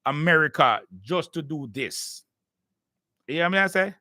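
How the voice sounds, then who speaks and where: A man's voice: on the high side, animated, a little slow, sharp tone, no room sound, clean studio sound. A man with a Jamaican accent hosting a live podcast, chatting casually and restarting his sentences with repeated words. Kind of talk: casual live-stream chat.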